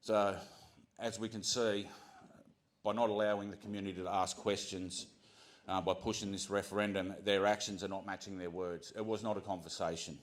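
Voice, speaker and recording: An Australian man giving an earnest prepared speech to a community gathering, often pausing with ums and restarting his sentences. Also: lowish voice, little pitch movement. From Central Coast of New South Wales, Australia. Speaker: community speaker.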